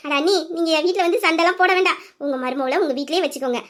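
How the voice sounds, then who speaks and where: A woman's voice: very high-pitched, racing, fairly bright tone. A woman voicing a loving middle-aged mother who speaks in a heartfelt, homely way about her married daughter. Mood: laughing.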